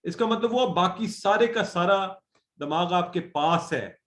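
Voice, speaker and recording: A patient, encouraging man teaching an Arabic class, repeating each drill slowly. His voice sits a little high, and the recording has a roomy echo. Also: lively intonation, fairly bright tone. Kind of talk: online Arabic grammar class.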